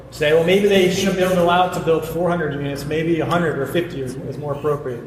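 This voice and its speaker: A man gives an earnest debate answer as a candidate, pushing ahead with quick restarts. His voice is slightly high for a man. The hall adds a long, roomy echo, with faint noise underneath. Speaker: city council candidate. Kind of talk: debate speech.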